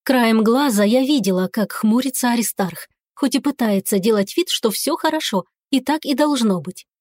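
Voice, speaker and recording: A woman reading a fantasy novel in the first person with expressive, lively storytelling. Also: a little high, normal speed, no room sound, studio quality. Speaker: audiobook narrator. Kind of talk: scripted first-person narration.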